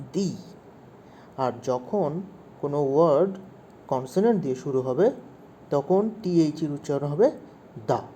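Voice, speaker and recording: Man teaching grammar, mellow voice. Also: a little high, slight background noise. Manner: asks questions and repeats key points. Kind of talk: explaining grammar to children.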